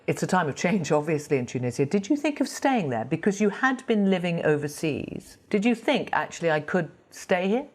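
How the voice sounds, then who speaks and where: A woman's voice: lowish voice, big pitch swings, a little fast, hardly any pauses. A woman interviewer putting direct, probing questions to her guest in a broadcast interview.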